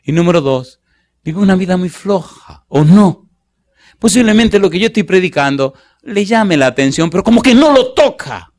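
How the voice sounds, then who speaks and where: A male pastor preaching a sermon, slowing down to read scripture and putting rhetorical questions to the congregation. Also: sits high, animated, a little mellow. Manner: slows to stress scripture verses.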